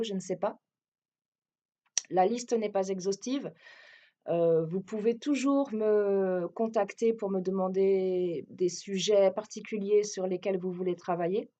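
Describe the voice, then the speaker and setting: French woman, French accent, teacher introducing herself, hesitant restarts, mellow tone, dull lo-fi sound. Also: medium pitch. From France. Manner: hesitant and explanatory, with frequent restarts. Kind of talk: self-introduction video.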